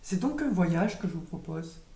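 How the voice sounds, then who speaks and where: A woman giving a spiritual teaching in a calm, measured, meditative way, with occasional hesitations. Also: on the low side. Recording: roomy echo, voice from a distance.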